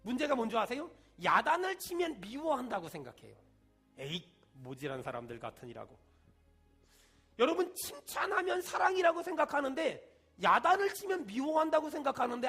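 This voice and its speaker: A man, a senior pastor, preaching a sermon with emphatic call-and-response and shouted peaks. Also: extremely high pitch, huge pitch swings, normal speed, slightly rough, faint music behind.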